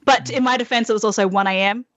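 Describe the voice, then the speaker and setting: A woman's voice: fairly high pitch, steady tone, fast, fairly bright tone, no echo. Woman, podcast co-host, chatty and rambling, dull sound, dry. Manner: chatty, rambling, with many fillers. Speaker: podcast co-host, game master. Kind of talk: casual chat.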